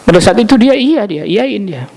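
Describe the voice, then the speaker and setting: Man, preacher, animated storytelling, higher voice, mosque lecture. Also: normal speed, creaky. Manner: lively storytelling with jokes and acted quotes; answers audience questions directly. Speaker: Islamic preacher.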